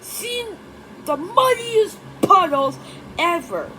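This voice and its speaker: An excitable little girl piglet voiced by a woman from a storybook, very high and swooping. She is eager and exclaims cheerfully, with clear noise in the background. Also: slow, heavily acted, rough recording. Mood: delighted.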